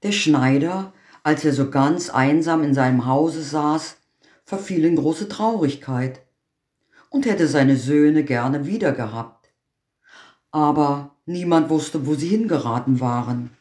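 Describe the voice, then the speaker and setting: A man reading a fairy tale aloud as narrator, in a slow, measured storytelling manner. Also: on the high side, a little mellow. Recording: roomy echo.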